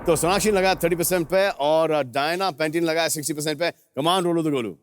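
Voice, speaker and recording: A man hosting a game show, mixing Hindi and English and repeating his questions deliberately for emphasis. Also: fairly high pitch, fairly even intonation.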